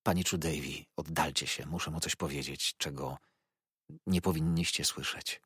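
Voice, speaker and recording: Here is a man reading as a distressed young fisherman who forces out each word in a flat, toneless voice. The voice is low and husky. The sound is dry and close. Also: moderate pace, dry recording, exaggerated voice. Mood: strained. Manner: toneless, strained speech. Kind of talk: audiobook character reading.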